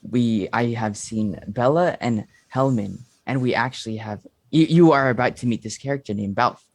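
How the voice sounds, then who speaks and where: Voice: mid-range voice, normal speed, a little mellow. A tabletop game player speaking in casual role-play.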